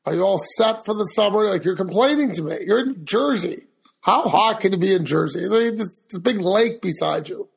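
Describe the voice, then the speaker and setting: A man's voice: sits high, lively intonation, moderate pace, creaky, breathy edge. A man co-hosting a podcast in casual, joshing, rambling chat. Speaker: podcast co-host.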